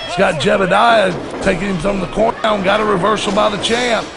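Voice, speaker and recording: A man calling play-by-play as an excited wrestling commentator, shouting and exclaiming. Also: high-pitched, brisk, gravelly, background noise. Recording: loud music and crowd behind. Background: loud crowd and music.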